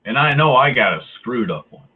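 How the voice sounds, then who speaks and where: A man's voice: mid-range voice, sing-song, brisk, husky. A ranting man on tinny, phone-like audio. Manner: heated, profane, sarcastic. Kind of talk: angry ranting monologue.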